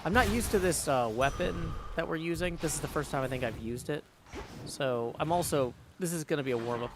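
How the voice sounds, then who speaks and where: A video game streamer with a fairly high male voice talks fairly quickly over game music and background noise. His live gameplay commentary is casual and chatty, full of thinking aloud and the occasional little tune he sings to himself.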